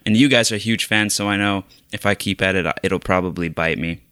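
A man's voice: low voice, a little fast, bright, forceful tone, smooth, dry recording, clean studio sound. A man co-hosting a podcast, chatting casually about video games with many hesitant restarts. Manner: hesitant, lots of restarts and fillers. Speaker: podcast co-host. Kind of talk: casual gaming chat.

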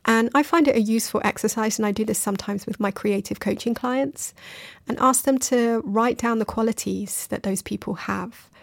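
A woman's voice: a little high, normal speed, gravelly, no echo. A woman hosting her own podcast, a creative coach talking in a reflective, earnest way and speaking affectionately to her listeners, sounding emotional after crying. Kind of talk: casual solo podcast monologue.

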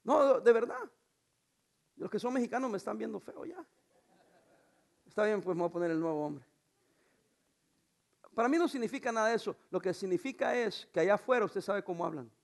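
A middle-aged pastor with a notably high, creaky-edged voice with vocal fry preaches to his congregation briskly and expressively, pausing often. He swings between loud calls and soft asides, fires rhetorical questions at the room, and keeps a joking edge.

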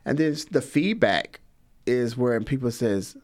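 A middle-aged man, a guest in an interview, answering in a relaxed, rambling way with many fillers. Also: medium pitch, a little slow. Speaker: guest, community organizer.

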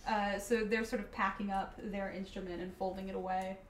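A woman's voice: mid-range voice, little pitch movement, a little fast. A woman narrating casually as game master of a tabletop game, in an echoey room. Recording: echoey room, faint noise.

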